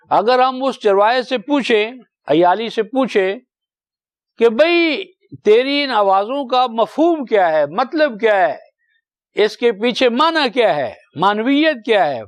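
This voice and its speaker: Older man giving a high-pitched Quran lecture. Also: no echo. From Pakistan. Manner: explains word by word, with many rhetorical questions; slow, drawn-out recitation of verses. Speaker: Quran teacher.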